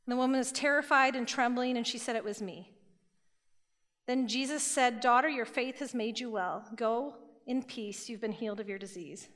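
A woman giving a sermon to a youth group, retelling scripture stories in a lively, casual storytelling way. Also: a little high, brisk, few pauses. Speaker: youth speaker. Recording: long hall reverb.

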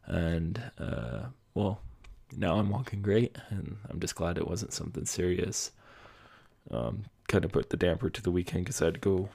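Host: young adult man, very deep gravelly voice, husky, meandering solo podcast talk. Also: normal speed, warm tone. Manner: rambling, self-deprecating, many fillers. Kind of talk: casual solo podcast monologue. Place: home basement room.

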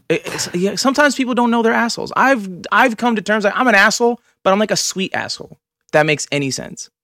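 A man's voice: high voice, expressive, a little fast, sharp tone, no room sound, clean studio sound. A man in his twenties hosting a podcast, talking in a rambling, profane, filler-heavy way. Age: 20s. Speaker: podcast host. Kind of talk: casual chat.

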